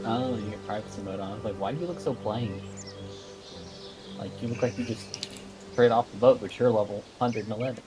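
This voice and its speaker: A man's voice: lowish voice, a little fast, long pauses, music in the background. A man casually chatting while playing an online game with friends, reading out messages from chat. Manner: relaxed, reads chat messages aloud. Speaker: co-player on a gaming stream.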